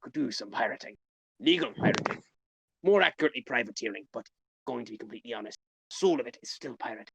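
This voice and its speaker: A man doing a gravelly pirate captain. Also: fairly high pitch, fairly quick, pauses often, fairly bright tone, a little hiss or hum. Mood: recruiting. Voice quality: gravelly, strained throat. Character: gruff male pirate captain, scheming and boastful. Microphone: online call mic.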